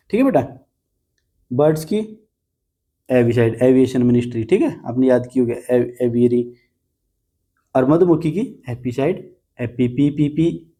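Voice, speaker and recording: Man teaching vocabulary, coaxing and dark-voiced. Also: on the high side. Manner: coaxing, repeats "ठीक है बेटा", playful mnemonics. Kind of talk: classroom vocabulary lesson.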